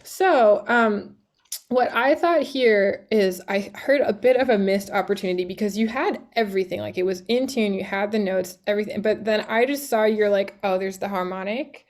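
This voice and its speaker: A woman's voice: mid-range voice, moderate pace. A woman coaching a young string player in a studio class. She talks in a chatty, encouraging way, sings out phrases to show what she wants, and fills her sentences with "like" and "um". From Canada. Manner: encouraging, chatty, many fillers and sung examples. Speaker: music teacher.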